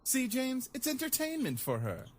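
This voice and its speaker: A man voicing a calm, easygoing young man who teases gently, in amateur voice acting. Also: very high voice, normal speed, exaggerated voice.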